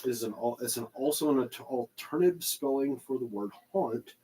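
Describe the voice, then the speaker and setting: A man's voice: mid-range voice, brisk, warm tone, slight background noise, low-quality recording. A man from Oklahoma, co-hosting a livestream and explaining word origins as if reading from notes. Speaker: paranormal livestream co-host. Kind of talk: casual livestream chat.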